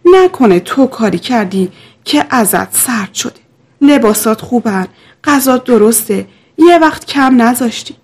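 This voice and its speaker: A woman's voice: on the high side, expressive, breathy edge. A woman voicing an impatient middle-aged mother-in-law who lectures bluntly. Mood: impatient, lecturing.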